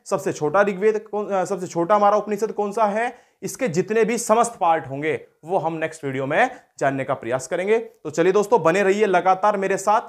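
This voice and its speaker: Male teacher with a high voice, exam coaching. Repeats the key terms, asks and answers his own questions. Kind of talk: exam-prep history lesson.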